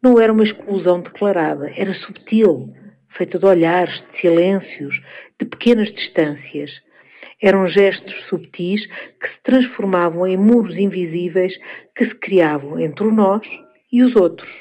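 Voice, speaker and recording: A woman with a European Portuguese accent, giving a measured, thoughtful spoken essay with frequent pauses. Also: lowish voice, dark tone, lo-fi sound.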